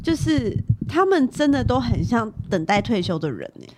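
A woman with a Taiwanese Mandarin accent talks casually as a podcast co-host in a slightly high voice. Her pitch rises and falls in lively, expressive turns as she chats. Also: normal speed, noisy background. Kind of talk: casual chat.

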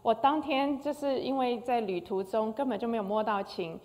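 A woman's voice: on the high side, fairly even intonation, normal speed, darkish tone. An older woman, a concert pianist, giving an emotional personal testimony with frequent hesitations. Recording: long hall reverb.

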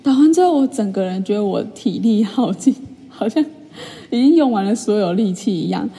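A young woman, chatting in a vlog as she retells a personal story with lively, filler-filled asides. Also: medium pitch, moderate pace, breathy edge, long reverb tail. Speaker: vlogger. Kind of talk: casual storytelling monologue.

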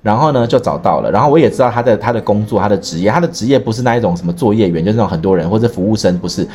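A man hosting a podcast, telling a story in casual chat, animated and rambling, with many restarts. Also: on the low side, rapid-fire. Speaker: podcast host.

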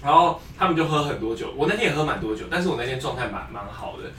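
A man's voice: a little high, animated, very fast, a bit bright. A man, co-hosting a casual podcast chat, telling stories with laughs and acting out quotes. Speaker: podcast co-host. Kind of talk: casual chat among friends. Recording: echoey room, distant mic, noisy.

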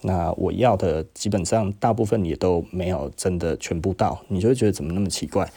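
A man's voice: low-pitched, a little fast, creaky, mellow, breathy edge. A middle-aged man with a Taiwanese Mandarin accent, telling a story casually as a podcast host and acting out both sides of old conversations. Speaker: podcast host, shop owner.

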